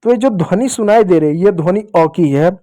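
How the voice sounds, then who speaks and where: A man teaching young children how to read Hindi, patiently repeating each sound slowly and speaking straight to the kids. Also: sits high, lively intonation, mellow.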